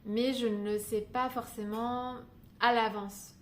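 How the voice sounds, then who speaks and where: This Paris-born spiritual guidance vlogger speaks slowly in a fairly high voice with little pitch movement, musing unscripted to the camera with frequent hesitations and "euh" fillers. She's inside in Paris during a thunderstorm; faint storm ambience and slight background noise can be heard.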